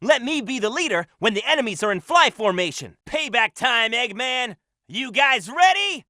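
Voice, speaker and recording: A man voicing a cocky, upbeat young hedgehog hero in a video game, brash, energetic and confident. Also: very high-pitched, no echo, studio quality, heavily acted. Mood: instructive, eager, then cocky, fired up.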